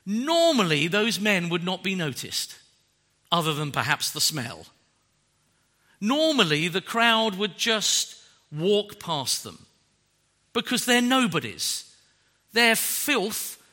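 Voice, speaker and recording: A man preaching a sermon in an animated, joking way that is often broken by laughs. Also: high-pitched, long reverb tail.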